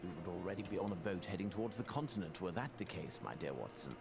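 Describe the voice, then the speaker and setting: Sherlock Holmes, deep and gravelly. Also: male voice, animated, fast talker. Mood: aloof. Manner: dry, clipped, condescending. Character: aloof brooding male detective. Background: game music.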